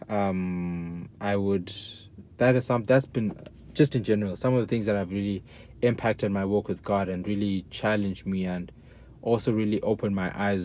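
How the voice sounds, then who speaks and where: A young man talking candidly about his faith, earnest and halting, with many restarts and casual slang. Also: on the low side, a little mellow, a little hiss or hum. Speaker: guest sharing testimony.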